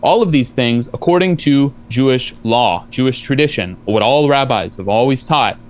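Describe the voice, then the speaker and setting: A man's voice: medium pitch, lively intonation, normal speed. Insistent man lecturing in a debate. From family from Eastern Europe. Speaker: debate guest. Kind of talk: heated debate.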